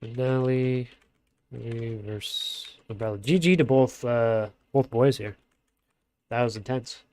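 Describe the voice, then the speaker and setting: Music plays as a stuffy-nosed streamer slowly talks through his strategy game in a loose, casual play-by-play. His medium-pitched voice has a darkish tone, and he swears every so often.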